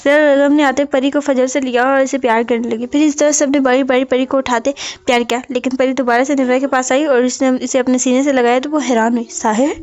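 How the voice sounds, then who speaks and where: A woman reading a novel aloud as its narrator, in steady storytelling narration, on a dull lo-fi recording. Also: sits high, fast talker.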